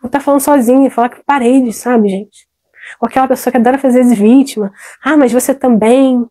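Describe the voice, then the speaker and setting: A woman's voice: fairly high pitch, quick pace, mellow. A woman therapist gives emphatic, conversational advice straight to her audience and keeps calling on them directly. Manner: emphatic, conversational, addresses listeners as "gente". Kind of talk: direct-to-camera advice talk.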